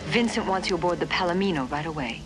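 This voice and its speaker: A woman's voice: lowish voice, animated, quick pace, music in the background, close to an everyday voice. An actress playing a perceptive, concerned female space officer in a storybook dramatization.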